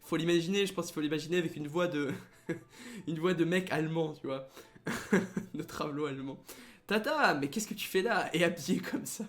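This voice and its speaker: A man's voice: on the high side, moderate pace, fairly bright tone. A young man hosting a let's play in casual gaming commentary, reading the game text aloud and adding sarcastic, joking asides.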